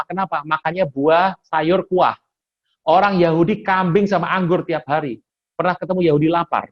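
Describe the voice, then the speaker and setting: Male Indonesian pastor, conversational sermon, animated storyteller, slightly muffled sound. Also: fairly high pitch. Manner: animated storytelling, acts out quoted voices; colloquial, jokes with the congregation.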